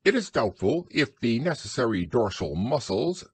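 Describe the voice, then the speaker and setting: A man's voice: mid-range voice, sing-song, moderate pace, breathy edge, no room sound, voice pushed up. A man voicing a pompous, long-winded storybook owl in a wordy, pedantic, self-important manner. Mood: grave, self-important.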